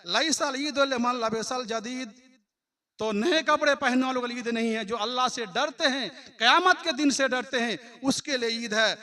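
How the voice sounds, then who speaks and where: High bright-voiced guy preaching friday sermon at a mosque, chants verses slow then explains all fired up. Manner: impassioned, chants scripture quotes slowly then explains.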